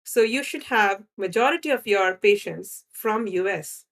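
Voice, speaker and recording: Speaking a little slowly with lively intonation and a medium pitch, a woman from India explains her drug development research as a guest scientist. She has an Indian accent, and the interview is conversational, with her often adding "right?".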